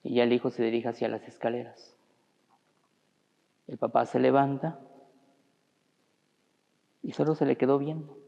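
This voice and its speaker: A priest preaches through stories and calls his listeners brothers. His voice is gravelly. The recording is dull, with a long church reverb. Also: medium pitch, fairly even intonation, normal speed, long pauses, mellow. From Mexico. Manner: storytelling, addresses the congregation as brothers. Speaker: parish priest. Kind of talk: sermon.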